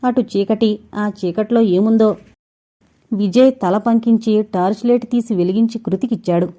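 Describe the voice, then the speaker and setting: A woman narrating a suspense audio novel with steady, suspense-building storytelling. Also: mid-range voice, normal speed. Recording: dull lo-fi recording.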